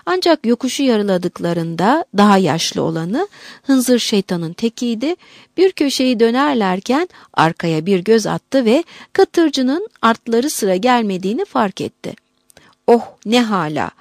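A woman narrating an audiobook in a measured, expressive reading. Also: fairly high pitch, no room sound, studio quality.

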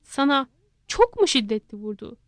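A woman's voice: big pitch swings, moderate pace, no room sound, studio quality. A woman voicing a fussy, talkative male monkey who keeps asking questions. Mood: curious. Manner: high, prodding questions.

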